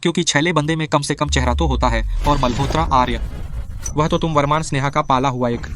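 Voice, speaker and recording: Vengeful ex-husband, voiced by an actor, cold and scornful, dubbed drama, loud music bed. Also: male voice, on the high side, fairly quick, natural voice. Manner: cold, cutting. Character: calm, scornful ex-husband seeking revenge.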